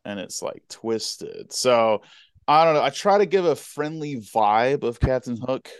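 A man in his twenties, guest in a casual interview, talking in an easygoing, halting way. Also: mid-range voice, animated, clean tone, no echo, studio quality. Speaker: guest Twitch streamer and cosplayer.

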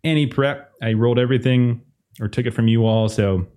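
A man's voice: mid-range voice, fairly even intonation, a little fast, a little mellow. A man narrating as game master, easygoing and rambling, with many fillers and restarts.

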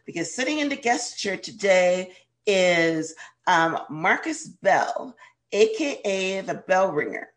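Hoarse woman hosting an interview show. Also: lowish voice, sing-song, slow. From Guyana. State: hoarse from a cold. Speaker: radio show host and life coach.

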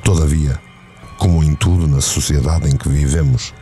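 Deep mellow guy narrating a dark story, slow and dramatic, faint music under it. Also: steady tone. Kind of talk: scripted narration of a novel.

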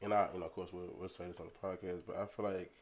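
A man's voice: deep voice, little pitch movement, rapid-fire, darkish tone. A man from Baltimore chatting casually as a podcast guest, emphatic and slangy, often checking that he is understood. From Baltimore, later Texas. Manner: slangy, emphatic, peppered with rhetorical check-ins. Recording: clear background noise and ambience.

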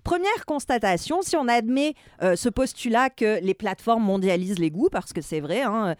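A woman's voice: on the high side, lively intonation, normal speed, no echo, clean studio sound. A woman, chatting as a culture columnist on a radio show, emphatic and laughing often. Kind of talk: casual radio chat.

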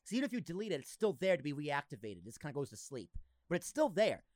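A young man with a slight Boston accent, his voice sitting a bit high for a man. He talks in an animated, joking way as a podcast host. The sound is dry and close. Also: no echo. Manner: animated, laughs often, quick asides. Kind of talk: casual chat.

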